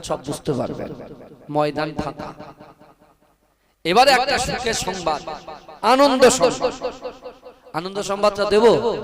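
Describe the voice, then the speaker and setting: A man preaching a sermon with a West Bengal accent at an outdoor gathering, turning from quiet asides to the audience to loud, chanted exhortation. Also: high-pitched. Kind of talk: sermon at an open-air religious gathering. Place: outdoor religious gathering with a crowd. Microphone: stage microphone. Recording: stage mic with crowd noise behind.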